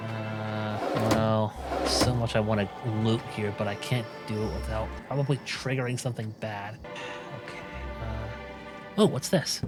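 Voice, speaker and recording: A man's voice: lowish voice, level tone, a little slow. A man doing casual let's play commentary, muttering his thoughts aloud as he plays. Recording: game music behind the voice. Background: game music.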